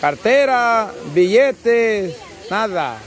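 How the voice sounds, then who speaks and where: A woman with a Salvadoran accent hosting outdoor party games, cheering players on with quick repeated calls and frequent laughter. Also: mid-range voice, expressive. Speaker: game host. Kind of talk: lively game commentary. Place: outdoors at a lively gathering. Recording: outdoor crowd noise. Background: crowd chatter.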